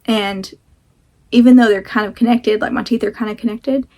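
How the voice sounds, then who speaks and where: Woman, slightly high-pitched, sore jaw with restricted mouth movement, casual vlog chat, rambling, self-deprecating. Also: fairly even intonation, normal speed, a little mellow. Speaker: host of a book vlog.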